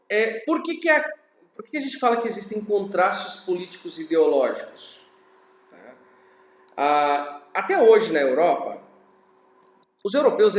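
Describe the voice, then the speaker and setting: A man's voice: a little high, roomy sound. A man teaching a recorded class lecture in a conversational way, often checking in with tag questions.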